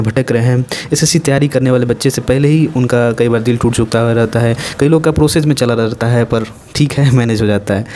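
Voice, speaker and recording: A man giving a casual exam-prep vocabulary lesson, talking in a lively, playful way with chatty asides. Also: medium pitch. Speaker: vocabulary teacher.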